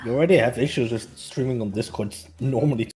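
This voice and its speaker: A woman's voice: extremely low pitch, fast, dark tone. A woman on a voice call, chatting casually, sardonic, swearing and laughing often. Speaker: guest on a call. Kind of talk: casual chat.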